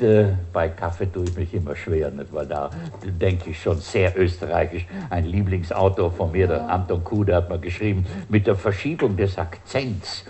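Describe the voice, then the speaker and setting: A man's voice: fairly low pitch, darkish tone. An older man, a musician telling anecdotes as a guest, chuckling often and talking with many fillers.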